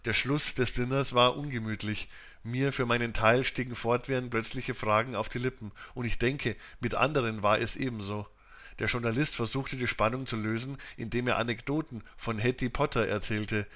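A man reading a classic novel as an audiobook narrator, with steady, measured storytelling. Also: mid-range voice. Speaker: audiobook reader.

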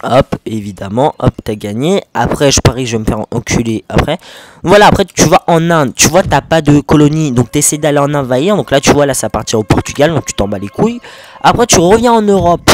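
A man with a French accent giving a casual, rambling gameplay tutorial, talking fast and swearing constantly. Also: a little high, animated, no room sound. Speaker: gaming video host.

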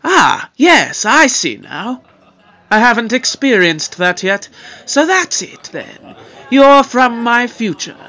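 A man's voice: very high-pitched, big pitch swings, takes it slowly, bright, forceful tone, heavily acted. A man voicing the Doctor as a fussy, theatrical time-traveller who scolds his companion.

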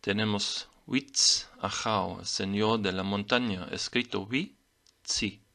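A man whose first language is German, slowly explaining Maya glyphs in a lesson, pausing to read out each sign. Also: on the low side, fairly even intonation, gravelly, pushed and bright. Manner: slow, deliberate reading of glyph names. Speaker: teacher of Maya writing.

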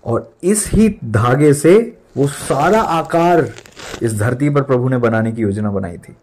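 A man's voice: mid-range voice, expressive, slow pace, darkish tone, a little hiss or hum. A young man in his twenties preaching an emphatic sermon as a pastor, mixing in English words and repeating lines for stress.

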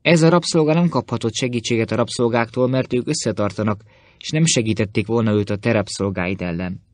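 Sly fawning greek schemer, kinda low, bragging and bowing, a guy putting him on. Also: no echo, close to an everyday voice. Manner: obsequious and boastful. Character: sly, fawning male Greek philosopher-informer.

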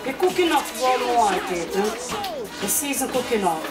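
A woman's voice: a little high, very animated, moderate pace. A middle-aged woman with a Jamaican accent, chatting casually as she shows how she cooks at home. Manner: chatty, explains as she works. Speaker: home cook. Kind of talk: casual cooking demonstration. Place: home kitchen, indoors. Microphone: far camera. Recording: echoey kitchen, distant mic, loud music.

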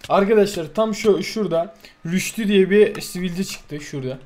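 A man hosting a gaming video, chatting casually with a friend while playing, his voice hoarse and worn, often exasperated and joking. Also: high voice, moderate pace, a little mellow, a little hiss or hum. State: hoarse, voice going. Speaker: gaming channel host. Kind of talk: casual gameplay chat with a friend.

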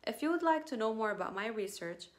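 A woman's voice: on the high side, expressive, fast. A woman, her Arabic, presenting her doctoral research in a careful, formal recited way, recorded on a phone camera at arm's length in a small indoor room. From Lebanon. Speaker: PhD student.

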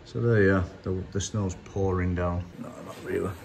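Holding his phone at arm's length, this car mechanic vlogger from the United Kingdom chats casually in an indoor workshop with noise behind him. He's a man in his forties with a British English accent and a low, creaky, slightly mellow voice, steady in tone and at normal speed. His talk is blunt and rambling, dotted with fillers.

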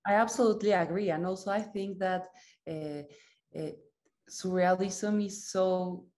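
Speaking a little slowly in a low, fairly even, slightly mellow voice, a thirtysomething psychoanalyst and author from Mexico reflects in conversation over a video call at home. Spanish is her first language, her accent is Mexican, and she often ends remarks with "no?". The video call mic picks up a little hiss or hum.

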